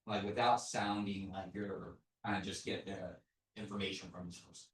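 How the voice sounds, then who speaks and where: A low-voiced man moderates a discussion panel, affirming the speakers and posing open questions. He sounds distant, with noticeable room echo. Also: level tone, moderate pace. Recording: echoey room, mic at a distance.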